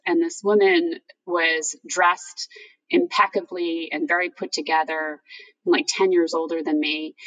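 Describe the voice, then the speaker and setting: Middle aged woman chatting on a video call, lowish voice, kinda halting n informal, mic sounds a bit far away. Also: dull audio. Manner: halting, informal, thinking aloud. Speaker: guest author. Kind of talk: candid conversational interview, personal anecdotes. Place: room by a bright window, indoors. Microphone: video call, distant computer microphone. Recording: distant video-call microphone.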